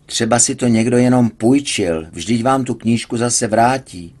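Young female nurse, read by a man, gentle, polite, raised pitch, husky undertone. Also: close to an everyday voice. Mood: soothing.

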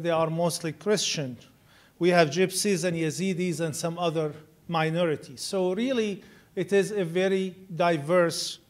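A middle-aged man, giving an earnest university lecture at a lectern microphone, with frequent "you know" fillers. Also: on the high side. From Syria. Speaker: guest lecturer. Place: lecture room, indoors.

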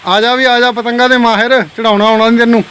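A man's voice: very high voice, little pitch movement, fast talker, bright, forceful tone, slight background noise. A man with a Punjabi accent filming a casual family vlog, playfully calling out to his kids and pets. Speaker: family vlogger, father.

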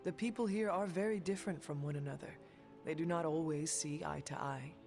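A woman voicing a calm, formal young demon hunter in a video game, composed and stoic. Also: sits low, a little fast, vocal fry, over music. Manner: formal, composed, few contractions.

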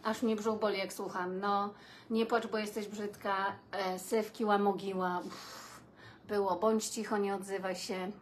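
A woman's voice: medium pitch, level tone, a little slow. A woman hosts a casual live stream and talks straight to her viewers. She reads their comments aloud and reacts to them in a chatty way. A faint background noise sits under her voice. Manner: chatty, addresses viewers warmly as "kochani", reacts with laughter and sighs.

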